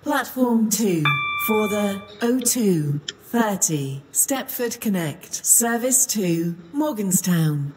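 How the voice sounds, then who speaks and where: A woman giving formal, measured train station loudspeaker announcements. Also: mid-range voice, expressive, noisy background.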